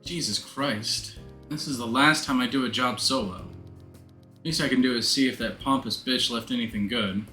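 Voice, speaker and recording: A man's voice: medium pitch, normal speed, pushed and bright, voice pushed down, natural voice. A man voicing a brash, slangy woman thief who poses as a starlet, with streetwise wisecracks, in a game. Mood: grumbling. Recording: roomy echo, music behind.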